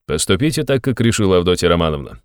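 A man reading an audiobook, voicing a calm, devoted young man in a plain, level tone. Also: fairly quick, smooth, dry recording, clean studio sound, natural voice. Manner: calm, plain, low-key.

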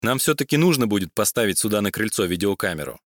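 Guy reading an angry private eye, lively pitch, dry close mic. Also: quick pace, no room sound, close to an everyday voice. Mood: agitated. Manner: exasperated, pleading. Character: indignant male private detective, middle-aged.

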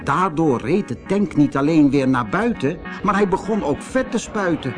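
A man narrating a children's story in an expressive, animated reading. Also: fairly high pitch, normal speed, faint music behind.

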